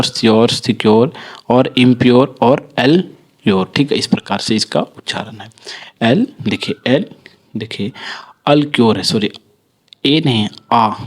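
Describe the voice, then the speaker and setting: A man teaching English pronunciation rules, explaining each rule and spelling out example words slowly, often stopping to correct his own slips. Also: medium pitch, a little mellow. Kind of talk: spoken phonics lesson.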